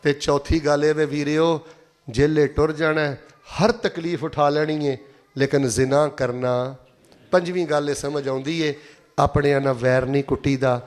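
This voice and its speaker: Male preacher, Pakistani Punjabi accent, fairly high voice, emphatic and repetitive, calls for answers from the crowd. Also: fairly even intonation, normal speed. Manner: emphatic, repeats phrases and prompts the crowd to answer aloud. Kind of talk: Friday sermon to a congregation.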